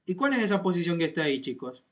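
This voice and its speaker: A man's voice: high-pitched, very animated, fast. A man walks students through code one step at a time. He repeats each point patiently and keeps checking that they follow. The tone is that of a classroom lesson. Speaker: programming instructor.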